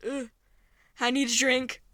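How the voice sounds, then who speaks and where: A woman voicing a panicky, hungover young human who stammers and blurts things out loudly. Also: high voice, level tone, unhurried, dry recording, pitched above the performer's own voice. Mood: flustered panic. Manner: loud, flustered, stammering.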